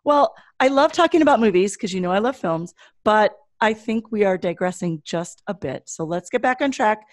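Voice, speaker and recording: A woman's voice: medium pitch, lively intonation, normal speed, no room sound. Michigan-accented woman, close dry sound. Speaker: podcast co-host. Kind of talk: casual scripted-topic podcast chat.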